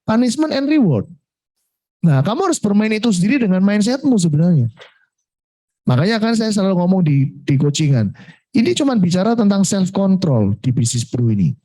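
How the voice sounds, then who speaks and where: A man coaches a room of insurance agents, his pitch swinging up and down as he talks. His voice sits mellow and warm, and he acts out client replies in quick little scenes. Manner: lively, mixes in Javanese and English words, acts out client replies. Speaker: sales coach.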